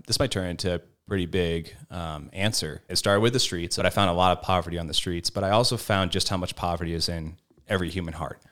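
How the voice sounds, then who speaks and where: A man speaking as a formator on a podcast panel, giving reflective, searching answers with many pauses and restarts. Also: low voice, fairly bright tone.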